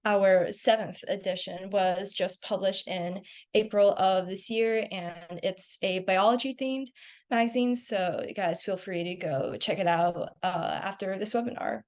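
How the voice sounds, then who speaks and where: A woman with a mid-range voice hosts an online webinar over a video call. She reads introductions and questions in a steady way and answers with short affirmations. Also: medium pitch, measured pace. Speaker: webinar host. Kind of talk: webinar hosting.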